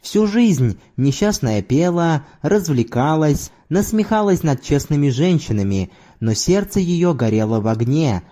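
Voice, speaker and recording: A man narrating a literary audiobook in an expressive storytelling manner. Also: a little high, measured pace, hardly any pauses.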